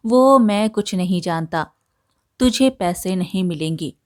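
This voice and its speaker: A woman's voice: on the low side, expressive, measured pace, no echo, clean studio sound. A woman voicing an arrogant middle-aged male landlord who scolds with contempt, in a storybook tale. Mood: angry.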